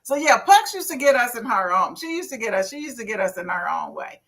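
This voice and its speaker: Bright, animated woman livestreamer. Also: fairly high pitch, a little fast, creaky. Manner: animated storyteller, laughs often, folksy asides. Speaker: livestream host. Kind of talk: casual live-stream chat reading viewer comments.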